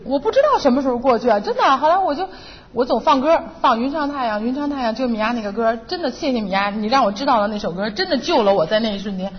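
The recording, muffled and reverberant with faint noise, captures a middle-aged woman testifying at church. Her fairly high voice is animated and quick. She re-enacts her own prayers, earnest and full of emotion.

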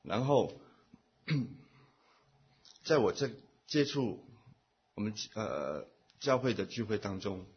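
Man, husky and low, church testimony in short pauseful phrases, muffled lo-fi recording. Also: sing-song. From Taiwan. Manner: speaks in short phrases, pausing for an interpreter. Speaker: church member giving testimony. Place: church meeting.

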